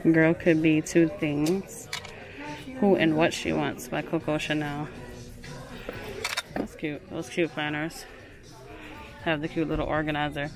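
A woman with a deep voice films a relaxed shopping vlog on a handheld phone in a big home goods store, with music playing in the background. Her delivery is flat and measured, marked by long pauses. Still chatty, she talks about the items, reads prices aloud, and calls things cute again and again.

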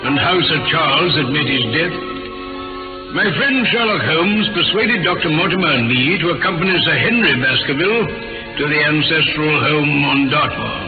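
A man plays an earnest English doctor telling of his adventures as a detective's loyal friend. His voice sits fairly high, in a tinny old radio recording with loud music. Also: lively intonation, moderate pace, lightly acted. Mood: solemn, reminiscing. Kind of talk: old-time radio drama narration.

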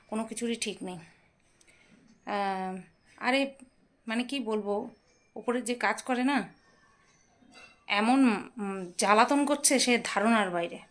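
A woman's voice: fairly high pitch, fairly bright tone, poor audio. A woman chatting casually to her viewers in a home vlog, tired after little sleep. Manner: chatty, addresses viewers directly. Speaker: home vlogger. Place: home, indoors.

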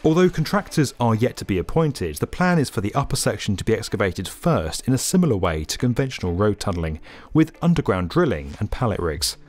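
A man narrating a scripted documentary in a lively, upbeat explainer manner. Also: lowish voice, a little fast. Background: faint background music.

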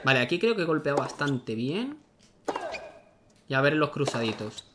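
Gamer for let's-play commentary: excitable, reacts out loud, higher-pitched, noisy mic with clicks. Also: male voice, normal speed. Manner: excitable, talks to himself while playing. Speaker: gaming YouTuber. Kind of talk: casual gameplay commentary.

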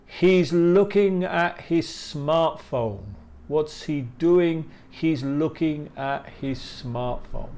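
A man teaching English in Spanish in a live online class, explaining slowly and patiently and repeating model phrases. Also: a little high, animated, warm tone.

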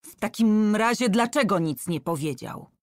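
A sharp, scornful male commander of soldiers, read by a woman. The lines come slowly and curtly, recorded dry and close. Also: mid-range voice, animated, dry recording.

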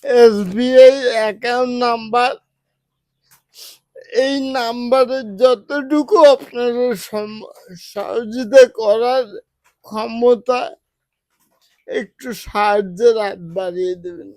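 A middle-aged man from West Bengal, crying as he pleads for help in a halting voice. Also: very high voice, fairly even intonation, darkish tone, no echo. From West Bengal, India. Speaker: man asking for donations. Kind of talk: emotional plea.

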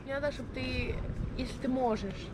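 A woman's voice: sits high, fairly quick, a crowd in the background. A young woman in casual street chat, slangy and coarse, picked up by a camera outdoors. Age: young adult. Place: outdoors on a roadside bench. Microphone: picked up by the rider's action camera.

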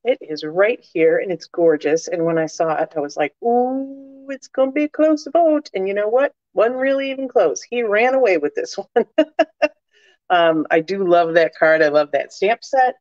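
A woman's voice: fairly low pitch, moderate pace, dry recording, muffled recording. Chatty woman with a slight cold. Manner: chatty, warm, many fillers and asides to viewers. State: slight cold, cough drop in mouth. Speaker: crafting demonstrator. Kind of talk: casual live-stream demonstration.

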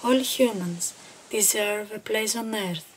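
With a medium-pitched voice, a woman guides listeners through a meditation, speaking slowly, gently and deliberately with pauses. Clearly noisy ambient sound runs beneath the narration.

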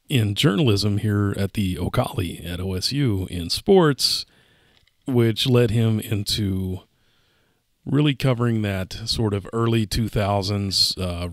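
A man journalist chatting on a newsroom podcast in a fairly low voice. He hesitates often and searches for the right words. The studio sound is dry and close. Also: vocal fry, dry recording. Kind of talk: casual newsroom chat.

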